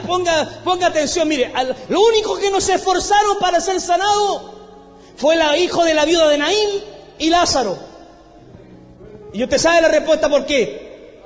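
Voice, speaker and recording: Male Chilean pastor, impassioned high-pitched shouting delivery, reverberant hall with music behind. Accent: Chilean Spanish. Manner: impassioned, often shouting praise. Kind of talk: fervent preached sermon.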